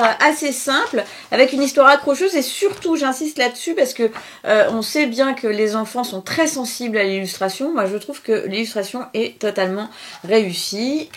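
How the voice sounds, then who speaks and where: A woman's voice: medium pitch, a little hiss or hum. A woman presenting a children's book in a casual review, chatty and hesitant, with many fillers.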